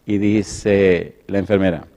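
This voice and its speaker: Middle-aged male preacher, lowish voice, animated sermon storytelling with loud peaks and quiet asides. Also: slow pace, creaky. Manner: animated, swings from loud emphatic lines to soft storytelling.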